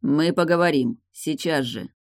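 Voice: medium pitch, measured pace, no room sound, lightly acted. An insistent, frustrated man who pushes and pleads by turns, read out by an audiobook narrator. The voice stays close to the reader's own level, in a dry, close recording. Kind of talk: audiobook dialogue reading.

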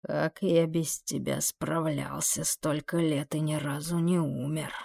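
A woman voicing a menacing, sardonic male demon who hisses his lines low and slow. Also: flat delivery, creaky, dark tone, no echo, studio quality, heavily acted. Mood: sarcastic.

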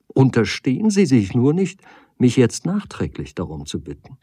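A man's voice: medium pitch, wildly swooping pitch, normal speed, mellow, husky, no echo, studio quality, voice pushed up, exaggerated voice. A man reading the part of a desperate woman who weeps, pleads and reproaches her lover. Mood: reproachful. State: crying.

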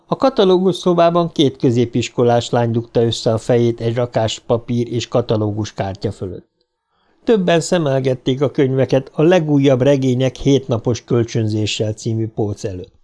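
A man reading an audiobook as its narrator, with steady storytelling. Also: mid-range voice. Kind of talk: scripted narration.

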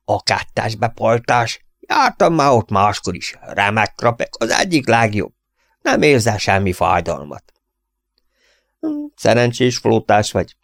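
A man's voice: fairly low pitch, wildly swooping pitch, vocal fry, a bit bright, no room sound, studio quality, exaggerated voice. A man voicing a cocky, easygoing fellow patient who talks in a chummy drawl.

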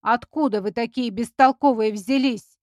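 A gruff, scruffy village man who barks out scolding words, as a woman reads him out. Her voice stays rather high, close and dry at the mic. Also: normal speed, darkish tone, no room sound, lightly acted. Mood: barking. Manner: barking, scolding.

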